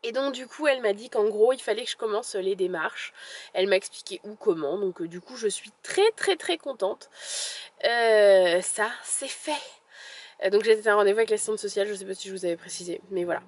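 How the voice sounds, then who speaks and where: A woman vlogs in a casual, chatty way, her medium-pitched voice fairly quick. Her talk is heavy with fillers, little restarts and plenty of "voilà".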